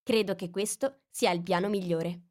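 A woman voicing Alice, a curious, bold young girl in an audiobook, speaking in a lively, exclaiming way. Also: lowish voice, moderate pace, natural voice. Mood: determined.

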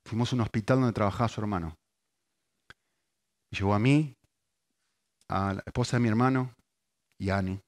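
A man with an Argentine accent preaching a sermon, alternating loud, emphatic repetition with quiet storytelling. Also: lowish voice. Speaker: pastor.

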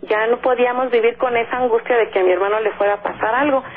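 A woman with a Mexican accent tells a spooky family story as a caller on a radio show. Her voice sits a little high and comes through a narrow, tinny phone line. She stops to act out what others said and fills her pauses with "este". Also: slight background noise. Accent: Mexican Spanish. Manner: lively storyteller who acts out her parents' lines, frequent "este" fillers. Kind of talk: telling a ghost story on a call-in show.

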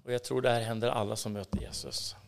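Low-leaning, creaky, and very animated, a Swedish-accented man delivers an intense personal testimony of faith in a casual interview. He moves between whispered passages and emphatic bursts, always earnest.

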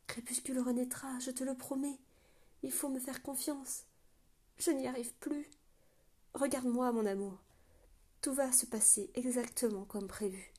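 A woman voicing a soft-spoken young woman who speaks tenderly and quietly in an audiobook. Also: sits high, fairly even intonation, unhurried, pauses often, breathy edge. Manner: soft, hushed, pleading.

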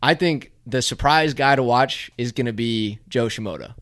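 A man's voice: mid-range voice, normal speed, a bit bright. A man co-hosting a podcast, chatting casually and laughing at himself. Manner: chatty, self-deprecating, laughs easily. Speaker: podcast co-host. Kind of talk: casual chat about motocross.

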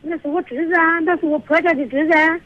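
An older woman calling a radio show, halting and repetitive. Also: very high voice, steady tone, dry recording, dull audio. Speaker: caller. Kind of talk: phoned-in radio chat.

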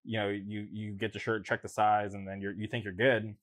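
Low-voiced young man, casually storytelling. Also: flat delivery, a little fast, a bit bright. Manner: informal slang-filled talk with repeated false starts.

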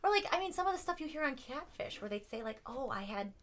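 A woman's voice: sits high, sing-song, fast talker, a bit bright. A woman in casual podcast chat, telling a personal story with many fillers and frequent laughs.

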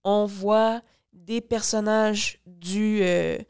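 A woman radio host speaks in French in a casual, meandering way, stopping and restarting her sentences often. Her voice sits at a middle pitch and she fills her pauses with hesitations as she addresses listeners from the studio. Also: steady tone, a little mellow, clean tone. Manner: rambling, restarts, many fillers.

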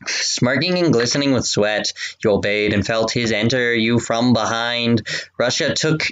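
A man's voice: mid-range voice, a little slow, a bit bright, low-quality recording. Giggling young man reading aloud. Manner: stumbling, giggling reader. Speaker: reader of fan fiction for friends. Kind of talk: mock-dramatic reading with laughter.

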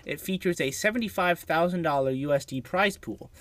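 A man's voice: on the high side, a little fast, a bit bright, dry recording. A young man hosting a casual podcast, rambling with many fillers and restarts. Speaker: podcast host. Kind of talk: casual student podcast chat.

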